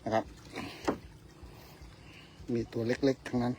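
A man's voice: slow pace, dark tone, a little hiss or hum. A man casually commenting on his fishing to viewers outdoors by a river at dusk, speaking to them directly and politely. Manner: chatty, addresses viewers directly, tags lines with polite particles. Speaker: fishing vlogger.

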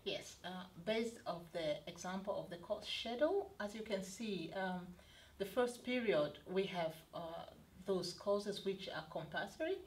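A middle-aged woman from Tanzania, a study advisor, explaining a study programme in an interview with frequent pauses and fillers. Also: mid-range voice, a little hiss or hum. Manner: hesitant, many fillers and restarts. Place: studio set, indoors.

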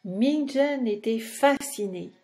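A woman's voice: fairly high pitch, animated, takes it slowly, warm tone, faint music behind. A woman narrating a children's storybook expressively and speaking directly to the young listener.

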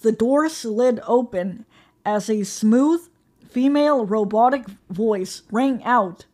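A woman narrating a horror story in a measured, ominous, scripted way. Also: on the high side, warm tone.

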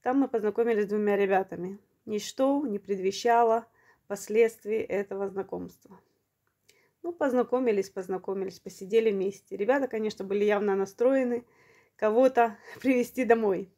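A woman around fifty from Ukraine, telling a long personal story in a vlog, unhurried and matter-of-fact, slightly short of breath. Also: medium pitch, dark tone. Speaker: vlogger.

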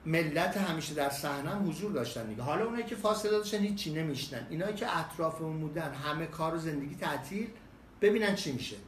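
A man telling a funny personal anecdote in an animated way, hesitating often and acting out the voices. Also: fairly high pitch, reverberant, slight background noise. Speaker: storyteller.

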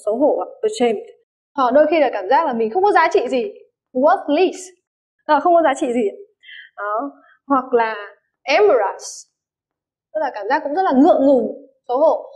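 A woman's voice: on the high side, darkish tone. A woman English teacher explains vocabulary, giving many examples and often checking that her students follow. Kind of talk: vocabulary lesson. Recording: dull lo-fi recording.

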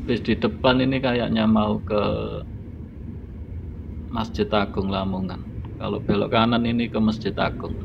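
A man giving relaxed, unhurried commentary while driving at night, recorded on a phone in a car. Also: fairly low pitch, creaky. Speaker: driving vlogger. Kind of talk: casual narration while driving. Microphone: phone in a dashboard holder. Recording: dull lo-fi phone audio with loud road noise.

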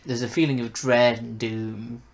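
Measured and medium-pitched, this young podcast co-host's voice moves little in pitch as he reviews things in relaxed, wry conversation. The noisy recording comes from a bedroom at home.

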